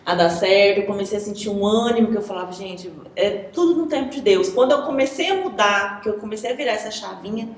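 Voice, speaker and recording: A woman's voice: mid-range voice, a little mellow. A young woman from Goiás, Brazil, giving an earnest personal testimony as an interview guest, full of "assim" and "sabe". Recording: echoey room.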